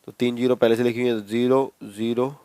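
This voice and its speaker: Rapid-fire and completely flat, a man's medium-pitched, slightly mellow voice comes through with no echo. Teaching maths in a classroom lecture, he speaks conversationally, repeats the steps, and addresses the students as bhai.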